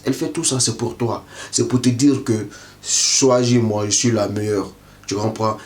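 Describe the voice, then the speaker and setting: A man's voice: lowish voice, a little hiss or hum. A man giving dating advice straight to the viewer in a casual monologue, who keeps checking if the listener understands. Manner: repetitive, keeps asking "tu comprends?".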